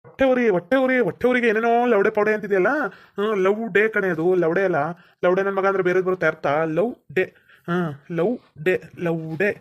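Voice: mid-range voice, rapid-fire, muffled recording, lightly acted. A voice actor with a North Karnataka Kannada accent voicing a teasing young village man in a comedy cartoon. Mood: mocking. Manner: teasing, mocking. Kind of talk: comic cartoon voice acting.

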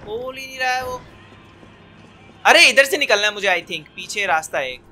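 A young man giving casual, jokey let's-play commentary, excitable and talking back at the game. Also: high voice, normal speed, faint music behind. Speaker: gaming commentator.

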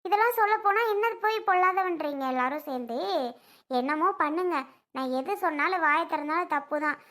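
A woman's voice: very high voice, fairly quick, a bit bright. A woman playing a stubborn middle-aged mother who scolds her grown daughter and argues with the family in a drama skit. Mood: scolding. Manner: scolding, argumentative.

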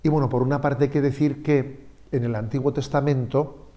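A bishop gives a catechism lesson in a calm, explanatory way. His voice is mellow and mid-pitched. He drops little "eh" and "¿no?" checks as he goes. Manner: explanatory, with frequent "eh" and "¿no?" asides. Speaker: bishop giving catechism talks. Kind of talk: catechetical talk.

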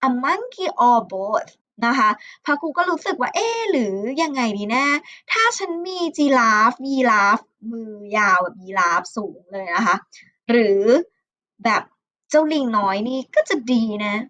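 High, bright-voiced Thai woman teacher. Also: big pitch swings, unhurried, dry recording. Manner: warm, chatty, many polite "ná khá" tags. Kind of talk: storytelling lesson for children.

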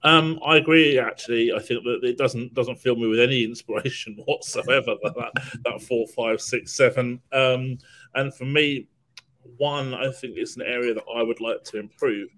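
A middle-aged man giving his cricket opinions on a video call, thoughtful with soft laughs between points. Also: medium pitch, fairly even intonation, normal speed, poor audio. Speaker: cricket panelist. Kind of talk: casual panel discussion. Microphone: video call webcam.

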